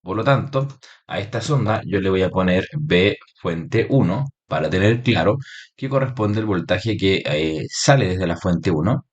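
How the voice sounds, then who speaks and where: A man with a fairly low voice walks through a screen-recorded software tutorial, patient and methodical. He keeps checking in with his listeners through short questions as he explains each step. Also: expressive, a little slow, breathy edge, lo-fi sound. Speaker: electronics teacher.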